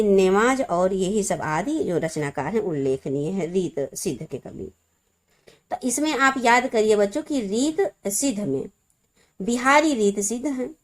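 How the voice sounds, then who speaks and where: A woman teacher giving a lesson to students, explaining a memory trick and slowly repeating the key words. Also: medium pitch.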